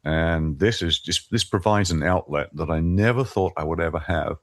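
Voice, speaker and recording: An older man with a very deep voice talks as an interview guest. His speech is earnest and eager, full of little restarts. The sound is dry and close. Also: moderate pace, no echo. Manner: enthusiastic, earnest, repeats words when starting. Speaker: podcast guest. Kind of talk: conversational interview.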